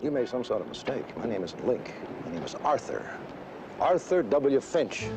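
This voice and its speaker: A commanding police captain from a 1970s TV crime drama. He has a medium-pitched voice and a brisk, dryly ironic, authoritative delivery, with music clearly behind him. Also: big pitch swings. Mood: wry, teasing. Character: commanding police captain with dry, wry humour.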